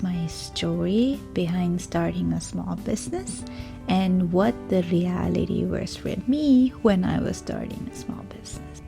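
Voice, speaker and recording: Slow, gravelly woman. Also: medium pitch. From Sri Lanka. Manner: earnest, reflective, with soft whispered asides. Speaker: vlogger, small business owner. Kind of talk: casual story-time vlog.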